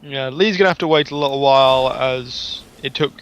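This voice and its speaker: Analytical game co-caster. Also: male voice, mid-range voice, fairly bright tone, clear, resonant tone, highs cut off. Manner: explanatory, measured analysis. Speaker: guest co-caster. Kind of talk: esports color commentary.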